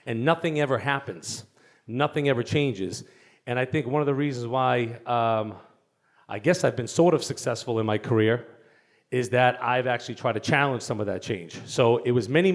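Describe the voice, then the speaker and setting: A man from the Boston area speaks in a mid-pitched voice with a Boston accent. He talks to a conference audience in a loose, joking way and teases people in the room. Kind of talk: lively conference talk. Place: conference hall.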